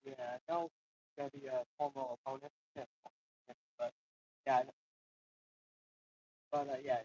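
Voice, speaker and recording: A man answering interview questions with many halting fillers, his voice muffled and far away, as if heard through a wall. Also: steady tone, a little mellow, no echo. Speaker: tournament competitor. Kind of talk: post-match style interview answer. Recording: muffled, dull, low-quality mic.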